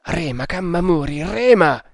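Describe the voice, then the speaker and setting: A man's voice: fairly high pitch, expressive, measured pace, no room sound, clean studio sound. A man voicing a bold, desperate Indian hunter with an urgent, raised delivery in an audiobook. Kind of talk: audiobook character voice.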